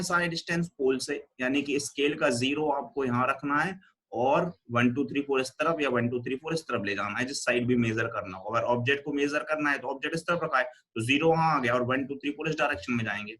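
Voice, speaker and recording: A young man with an Indian accent teaching a science lesson, mixing Hindi and English and slowly repeating key rules as he quizzes the class. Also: a little high, pushed and bright.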